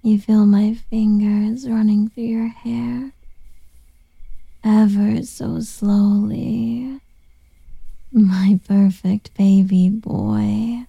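A woman voicing a seductive, doting female succubus lover in an ASMR roleplay, whispering softly and cooing pet names. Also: mid-range voice, creaky, slightly rough, no echo, dull audio, full character voice.

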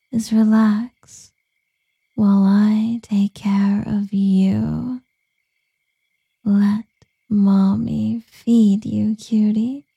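A doting female succubus, as a woman performs her murmurs and whispers to her lover in a breathy, husky voice. Her tone is dark and mellow, and she takes everything very slowly. The recording is dry and a little dull. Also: mid-range voice, no echo, exaggerated voice. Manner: soft whispering, cooing pet names. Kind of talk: ASMR roleplay.

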